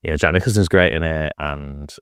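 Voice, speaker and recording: A man's voice: extremely low pitch, steady tone, a little fast, clear, resonant tone, no echo, clean studio sound. A man casually talking about films on a podcast, rambling with many fillers and restarts. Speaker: podcast host. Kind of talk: casual film chat.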